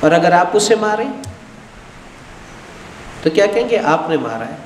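A middle-aged Shia cleric gives a religious lecture on a headset mic indoors in a studio with a blue backdrop, animated and gesturing widely as he acts out everyday dialogues. His voice sits high and unhurried, and the rough recording sounds roomy, like a large hall, with a little hiss or hum.

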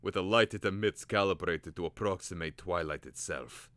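A stern old professor with a deep, bright, forceful voice who declaims every line gravely, as a man puts him on in a storybook reading. The sound is close and dry. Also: normal speed, no echo. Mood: solemn. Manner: solemn, declaiming.

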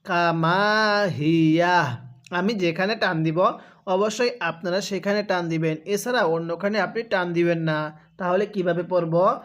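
A man from Bangladesh teaching Quran reading, spelling out syllables and reciting verses in a drawn-out way for learners to repeat. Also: high voice.

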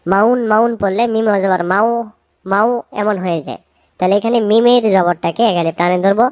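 A woman teaching recitation, chanting verses slowly and drawing out each sound, then explaining the pronunciation quickly. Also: mid-range voice, darkish tone, no echo. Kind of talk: slow recitation lesson with spoken corrections.

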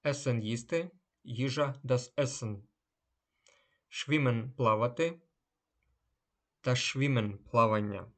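A man teaching a language lesson, drawing out each German example word before giving its meaning. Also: mid-range voice. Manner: slow, drawn-out German example words. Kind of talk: unhurried lesson.

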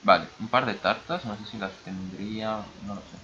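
Here the Basque gamer's voice is fairly low, pushed and bright, at normal speed, in a muffled recording with faint music behind it. Speaking with a Basque and Brazilian Spanish mix of accents, the YouTuber chats and rambles about his play, frequently addressing himself.

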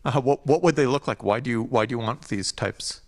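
A man's voice: mid-range voice, fairly quick. An audience member, a man, asking a speaker tentative questions with many ums in a lecture hall. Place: lecture auditorium.

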